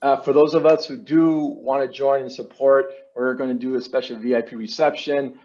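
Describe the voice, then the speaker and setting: Speaking at a normal speed in a steady, medium-pitched, slightly mellow voice, a presenter who owns a marketing agency pitches through slides during a virtual meeting. His talk is informal and salesy, peppered with casual business jargon, and the recording has dull, lo-fi online meeting sound.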